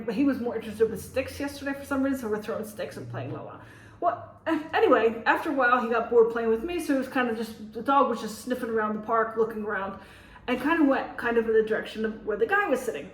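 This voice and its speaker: The recording is low quality, with a roomy sound and the speaker far from the mic. She's an American teacher with a slightly high voice, casually rambling through a vlog story with plenty of fillers and restarts.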